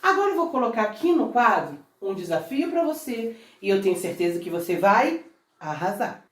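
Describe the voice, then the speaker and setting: A woman's voice: mid-range voice, very animated, moderate pace. A Brazilian woman teaching a recorded grammar lesson to children, coaxing and drawing out words syllable by syllable. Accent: Brazilian Portuguese. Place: classroom at a board. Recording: roomy sound, from a distance.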